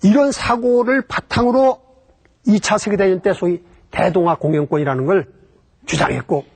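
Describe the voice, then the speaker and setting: A man's voice: high voice, normal speed, creaky, a little mellow. A man giving a history lecture about Japan, explaining step by step and posing rhetorical questions that he then answers himself.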